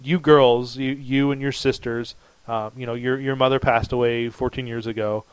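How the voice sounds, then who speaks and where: Middle-aged man, rambling storyteller, casual podcast talk, dry close mic, mid pitch. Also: moderate pace, smooth, dry recording, rough recording. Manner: rambling, animated storyteller with many restarts. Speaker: podcast co-host.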